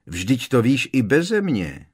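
A man's voice: medium pitch, wildly swooping pitch, slightly rough, pitched above the performer's own voice. Man putting on a serene old wizard. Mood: gently insistent. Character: serene old male wizard headmaster, kindly. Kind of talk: audiobook character voice.

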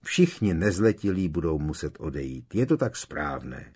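A man reading aloud, voicing a kind, calm older brother who speaks gently. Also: a bass voice, husky, heavily acted. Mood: gentle.

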